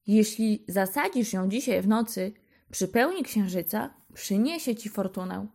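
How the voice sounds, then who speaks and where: A mysterious old wizard from a fairy tale, voiced by a woman storyteller. He speaks coaxingly, with a sly, persuasive lift. Over 60 in spirit, gentle but scheming. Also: medium pitch, expressive, measured pace.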